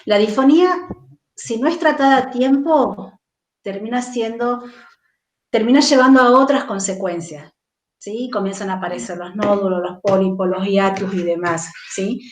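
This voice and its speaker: A woman's voice: medium pitch, normal speed, reverberant. A woman with an Argentine Spanish accent, working as a speech therapist, patiently explaining in an interview and often checking in with listeners. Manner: patient, explanatory, tags points with "¿sí?".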